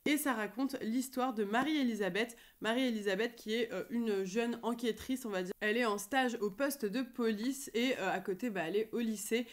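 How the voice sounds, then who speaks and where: A woman's voice: a little high, normal speed, few pauses. A young woman chatting enthusiastically in a casual vlog in her apartment, with frequent fillers. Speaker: YouTuber. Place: her new apartment, indoors.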